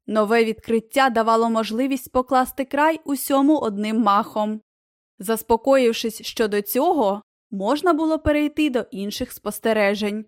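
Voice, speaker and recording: A woman narrates a children's tale with a gentle, expressive touch. Her voice sits fairly high for a woman. The recording is close and dry, with no room sound. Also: no room sound. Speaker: audiobook narrator.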